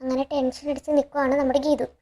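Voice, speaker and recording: A woman's voice: high voice, flat delivery, fast talker, warm tone. A woman casually retelling a TV serial episode in a chatty way, quoting the characters' lines and adding frequent tag words. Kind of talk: casual storytelling recap.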